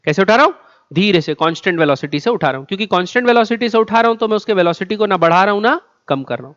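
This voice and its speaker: A man's voice: high-pitched, lively intonation, very fast, a bit bright. A man teaching a physics class, asking the students questions and answering them himself, stretching words out and repeating key terms. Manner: drags out words for emphasis. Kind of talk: classroom lecture. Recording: dull lo-fi sound.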